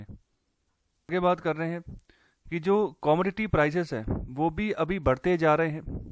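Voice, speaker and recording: A man's voice: on the high side, no echo. A man teaching economics in a casual lecture, walking through a newspaper editorial in a conversational way, with lots of fillers and English terms mixed in.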